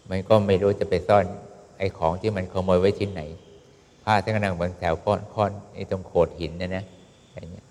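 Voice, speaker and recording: A man giving a Buddhist sermon in a calm, measured way, speaking straight to his listeners. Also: low voice, slight background noise. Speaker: Buddhist preacher. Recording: long hall reverb.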